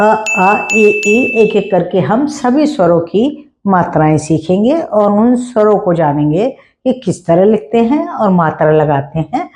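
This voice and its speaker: A woman's voice: mid-range voice, noisy background. A woman teaching a Hindi lesson, stretching out words syllable by syllable as she spells them. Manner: slow, drawn-out syllable-by-syllable spelling. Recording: dull lo-fi recording.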